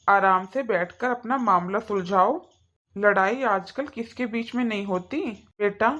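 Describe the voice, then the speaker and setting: A woman voicing a calm, sensible middle-aged father in a cartoon, reasoning patiently. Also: medium pitch, lo-fi sound, natural voice. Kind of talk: cartoon voice acting.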